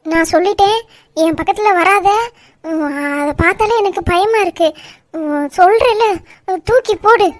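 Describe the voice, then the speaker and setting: Shrill scheming cartoon aunt. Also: female voice, moderate pace, pauses often, no echo. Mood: panicky scolding. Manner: sharp scolding, shrill when scared. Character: scheming middle-aged village aunt, gloating and bossy. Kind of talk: cartoon voice acting.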